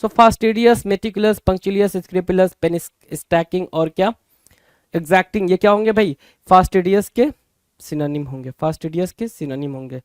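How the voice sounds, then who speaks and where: A man's voice: high voice, fairly quick, clean tone, no room sound, clean studio sound. A man teaching vocabulary for an exam-prep lesson with an Indian English accent, repeating words and posing rhetorical questions to his students. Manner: repetitive, rhetorical questions, addresses students as "bhai".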